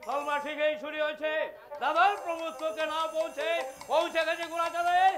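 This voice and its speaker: A man's voice: extremely high pitch, level tone, fairly quick, music in the background. A man playing a scheming, resentful young prince in Bengali folk theatre, taunting and theatrical, with a Bengali accent. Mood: accusing. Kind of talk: historical Bengali jatra folk theatre acting.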